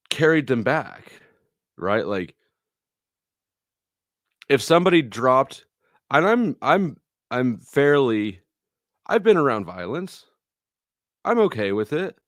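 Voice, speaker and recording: The medium-pitched voice of a middle-aged livestream host comes through in studio quality, free of echo. He chats loosely with viewers, blunt and profane, drifting from one anecdote to the next.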